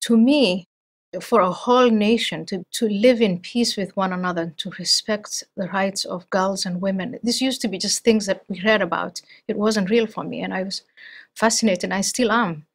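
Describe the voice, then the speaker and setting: This middle-aged Somali woman is a guest in an interview conversation, and her voice sits at a medium pitch. She speaks thoughtfully and in a measured way, frequently restarting her sentences.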